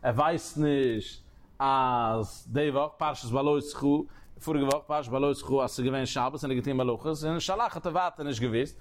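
A man's voice: medium pitch, normal speed. A man teaching a Talmud lesson in a sing-song learning cadence, often restarting his phrases. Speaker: Torah teacher.

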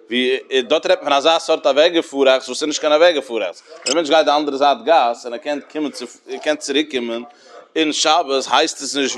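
A man's voice: mid-range voice, fairly bright tone. A man teaching a Talmud lesson in a sing-song study cadence with many fillers.

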